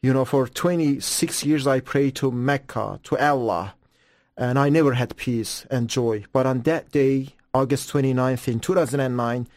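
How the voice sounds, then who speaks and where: A man's voice: mid-range voice, normal speed, a little mellow, no echo. Man, earnest testimony, dry close mic. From Iran. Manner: earnest, fervent storytelling with stammered restarts. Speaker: guest evangelist. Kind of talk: testimony in an interview.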